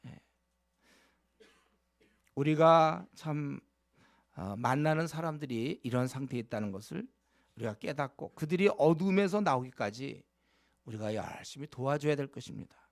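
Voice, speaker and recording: A man's voice: mid-range voice, animated, moderate pace, creaky, pauses often, dry recording, studio quality. A male pastor preaching a sermon, earnestly urging his congregation, with frequent fillers and direct questions to the listeners.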